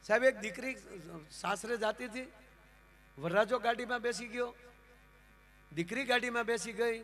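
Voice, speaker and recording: High, bright-voiced Gujarati male comedian. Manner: animated, acts out characters in raised voices. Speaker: folk comedian. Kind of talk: live stage storytelling with jokes. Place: live outdoor folk program.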